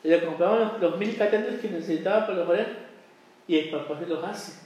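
A Mexican man with a fairly high voice tells a long story casually, bringing it to life by acting out what other people said. He sits some way from the mic in a very echoey room. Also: fast talker, recorded from a distance, highs cut off. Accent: Mexican Spanish. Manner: animated, acts out quoted voices. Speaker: podcast co-host.

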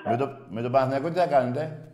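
A man hosting a call-in sports radio show, loud and mocking as he argues with callers. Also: mid-range voice, echoey room. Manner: loud, shouting and mocking rival fans. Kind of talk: heated call-in sports banter.

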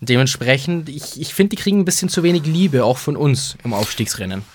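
Male podcast host, lilt, chatty and quick to laugh, dry close mic. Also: a little high, lively intonation, dry recording. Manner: laughs often, tells stories with mimicked voices. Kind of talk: casual chat about ice hockey.

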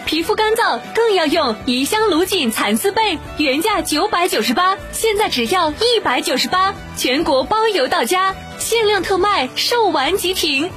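A woman delivers an infomercial pitch in a very high voice. She sounds promotional and emphatic, as in a radio commercial. Faint music plays underneath. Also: expressive, normal speed, few pauses, a bit bright. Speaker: commercial announcer.

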